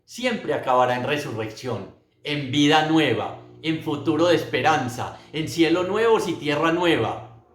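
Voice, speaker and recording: Earnest preacher in an echoey room. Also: male voice, medium pitch. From Colombia. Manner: earnest, emotional, addresses listeners directly. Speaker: preacher giving his testimony. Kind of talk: religious testimony. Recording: roomy echo.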